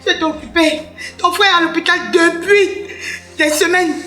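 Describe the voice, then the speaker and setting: Actress plays a Cameroonian widow: very high, bright voice, theatrical wailing, echoey room. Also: female voice, fairly even intonation, normal speed, soft background music. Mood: scolding. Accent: Cameroonian French. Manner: theatrical, loud, wailing laments. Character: loud grieving middle-aged widow, dramatic wailer. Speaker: widow in a comedy sketch.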